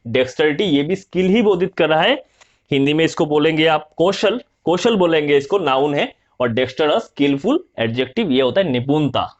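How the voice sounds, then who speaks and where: A man gives a vocabulary lesson, repeating each word and spelling it out slowly, then asking questions and answering them himself. His voice sits a little high, and the recording sounds muffled and lo-fi. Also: animated. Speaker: vocabulary teacher. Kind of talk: Hindi vocabulary lesson, explaining word roots.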